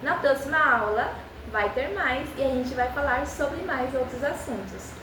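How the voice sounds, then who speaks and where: A young woman, a native Spanish speaker, teaches a beginner Portuguese lesson in a Spanish accent, encouraging her learners and repeating phrases slowly so they can practice. Her voice is high and animated, picked up by a distant mic in an echoey room with a noisy background.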